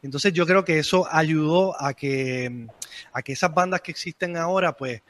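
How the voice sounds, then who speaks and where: A man's voice: on the high side, normal speed, a bit bright. A man with a Puerto Rican accent, a band member talking casually in an interview, full of restarts and fillers. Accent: Puerto Rican Spanish. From Puerto Rico. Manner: rambling, many restarts and fillers.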